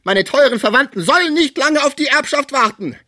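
A man's voice: very high voice, lively intonation, a little fast, sharp tone, no echo, clean studio sound, voice pushed up, exaggerated voice. A man doing a shrieking, feverish old collector. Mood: furious. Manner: shrieking, terrified and furious. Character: feverish dying old male art collector, frantic.

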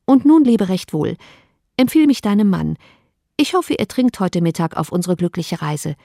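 A woman's voice: mid-range voice, sing-song, moderate pace, vocal fry, mellow, no echo, clean studio sound. A woman voicing a giddy, thoughtless teenage girl in a read-out letter, with a breathless, carefree manner, in an audiobook reading.

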